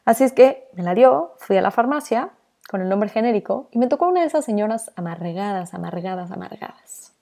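A young adult woman, hosting a podcast and telling a personal story, lively and acting out the people in it. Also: a little high, a little fast. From Mexico. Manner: animated, acts out the people in her stories. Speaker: podcast host.

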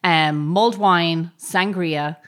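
A woman co-hosting a casual baking chat, relaxed, with many fillers and restarts, and giving firm kitchen advice with confidence. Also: lowish voice, slow. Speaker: baking show co-host.

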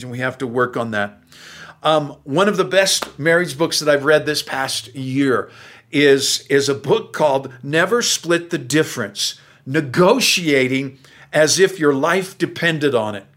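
A man's voice: fairly high pitch, moderate pace, a bit bright. A pastor in his sixties preaching a sermon in an earnest, folksy way, speaking straight to the men in the room.

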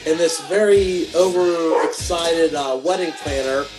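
A man's voice: on the high side, a little slow, music in the background. A man from western Pennsylvania, a wedding videographer, telling stories with dry, self-deprecating humor in a casual interview. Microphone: video call.

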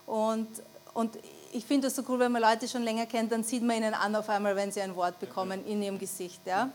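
A woman with an Austrian German accent preaching a conversational sermon. She often asks the audience for assent and slows down to stress key phrases. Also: a little high, little pitch movement, a little mellow. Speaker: pastor. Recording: faint mains hum.

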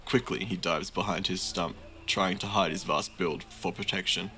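A man narrating a tabletop fantasy game as game master, in slow, measured, vivid storytelling. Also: low-pitched, pushed and bright.

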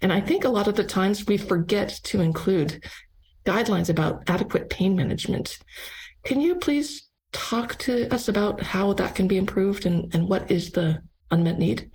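A woman's voice: mid-range voice, lively intonation, normal speed, a little mellow, low-quality recording. A woman interviewing a medical guest in a conversational way. She asks questions and adds short affirmations.

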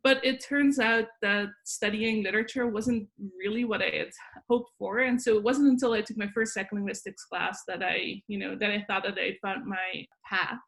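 Woman in her 40s, Dutch accent, podcast guest, reflective and halting, mid pitch. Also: fairly even intonation, creaky, a bit bright. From Netherlands. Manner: thoughtful, many fillers and restarts. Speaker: guest, psychology professor. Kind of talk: interview answers.

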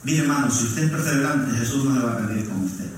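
A man's voice: medium pitch, fast talker, far from the mic, a little hiss or hum. A male pastor preaching a sermon in a church, joking with the congregation as he goes. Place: church hall. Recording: echoey hall, mic from afar.

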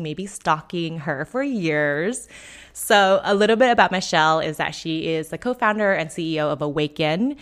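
A woman's voice: lowish voice, sharp tone. A woman co-hosting a podcast, introducing a guest in an effusive, chatty manner. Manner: effusive, chatty, addresses listeners as "you all". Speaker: podcast co-host.

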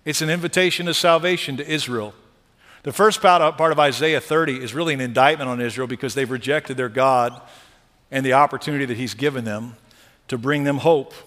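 A man preaching a sermon, shifting between hushed, tender lines and loud, emphatic ones. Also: medium pitch, long reverb tail. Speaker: pastor.

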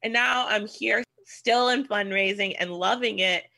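A woman's voice: mid-range voice, unhurried, vocal fry, sharp tone. A young adult woman, a nonprofit fundraiser, answering interview questions in a friendly, enthusiastic way. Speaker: podcast guest, nonprofit fundraiser.

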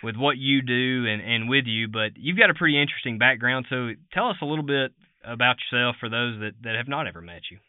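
A man hosting a farm podcast interview, halting and repeating words, laughing easily. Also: medium pitch, expressive, clear, resonant tone, dry recording. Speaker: podcast host. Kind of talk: conversational interview. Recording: narrow phone-like sound, dry.

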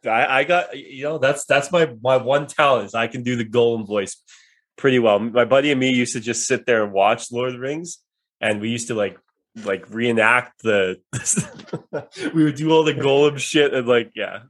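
A man's voice: medium pitch, moderate pace, fairly bright tone. A young man chatting casually on a podcast with friends, joking and swearing. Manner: joking, swearing, does cartoon impressions. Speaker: podcast co-host. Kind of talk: casual chat among friends.

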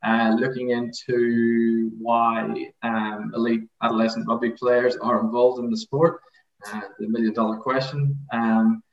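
A man's voice: mid-range voice, level tone, a little slow. A middle-aged man with an Irish accent, explaining things casually as an interview guest. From Ireland. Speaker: podcast guest, rugby coaching researcher. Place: converted garage office. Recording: dull, roomy remote recording.

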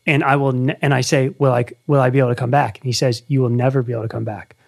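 A man's voice: medium pitch, little pitch movement, very fast, gravelly. A man in his thirties, hosting a casual conversation and telling an earnest story with animation. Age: 30s. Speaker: podcast host.

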